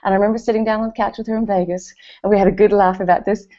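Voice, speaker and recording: A woman from New Zealand races through a motivational speech at a company event, her medium-pitched voice carrying a New Zealand accent. She tells stories with animated quoted voices, and the audio is dull.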